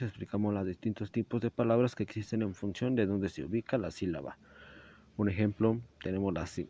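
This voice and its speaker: A man's voice: on the low side, mellow. A young man giving a class presentation, explaining step by step with small slips and self-corrections. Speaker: student presenter. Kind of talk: school presentation narration. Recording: dull lo-fi recording.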